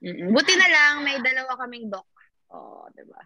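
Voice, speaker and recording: A woman's voice: high-pitched, sing-song, moderate pace, pushed and bright. A young woman chatting as a vlogger in a laid-back, teasing way, talking to viewers. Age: young adult. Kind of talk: casual chat.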